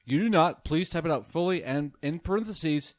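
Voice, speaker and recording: A man's voice: fairly high pitch, lively intonation, normal speed. A man acting as judge in an improvised mock-courtroom comedy, handing down mock-formal rulings.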